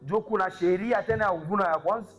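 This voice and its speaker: A man interpreting a sermon live, quickly echoing each phrase after the preacher. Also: high voice, a bit bright, lo-fi sound.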